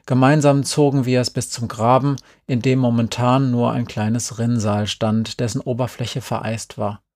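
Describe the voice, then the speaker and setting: A man calmly reading a first-person story aloud. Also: medium pitch, no echo, clean studio sound. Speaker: audiobook reader.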